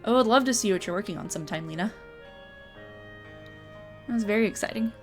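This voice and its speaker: A young woman chats casually through a livestream as she plays, upbeat and full of fillers and quick affirmations. Her voice sits at a middle pitch. Faint game music runs underneath. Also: animated. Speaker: livestream host. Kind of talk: casual livestream chat while playing.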